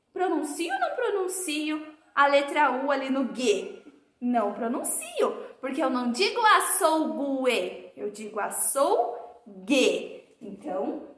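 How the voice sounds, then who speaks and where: Brief: woman, primary teacher for a remote lesson, unhurried, drawn-out words, high voice, echoey room. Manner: slow, drawn-out sounding of words for children; affectionate, calls pupils dear.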